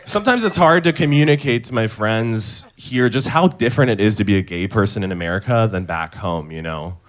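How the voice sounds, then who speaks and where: A young man from Indonesia performing a stand-up comedy set, delivering absurd punchlines in a deadpan way on a club stage. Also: fairly low pitch, a little fast. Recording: live club set with clear audience noise.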